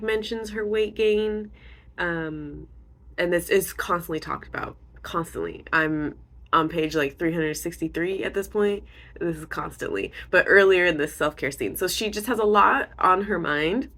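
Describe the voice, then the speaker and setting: A woman's voice: lowish voice, a bit bright. Rambling young woman chatting about a book. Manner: rambling, lots of likes and ums; acts out characters' lines in quick quotes. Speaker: vlogger. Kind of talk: casual book talk.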